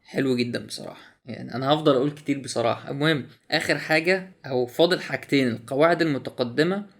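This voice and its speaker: Fast-talking Egyptian man, gravelly. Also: medium pitch. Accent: Egyptian Arabic. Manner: animated, exclaims in surprise often. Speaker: YouTuber reviewing a language app. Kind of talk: casual screen walkthrough.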